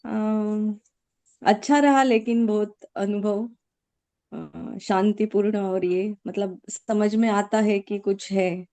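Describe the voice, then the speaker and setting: A woman in a workshop group tells of her experience, pausing often and filling the gaps. Her voice is mellow and dark-toned, and she speaks slowly. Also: medium pitch, fairly even intonation. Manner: hesitant, many fillers. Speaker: workshop participant. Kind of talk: sharing an experience.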